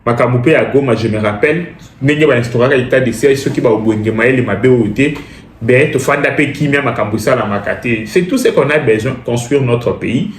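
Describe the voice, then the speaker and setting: A man's voice: mid-range voice, brisk, roomy sound, slight background noise. A Congolese man commenting emphatically, repeating phrases and switching between languages. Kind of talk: impassioned spoken commentary.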